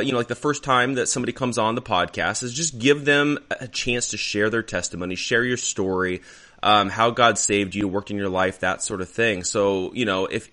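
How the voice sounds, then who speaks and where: A man's voice: lowish voice, sharp tone. A man hosting a podcast, talking in a casual, conversational way as he introduces the show and guest. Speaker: podcast host.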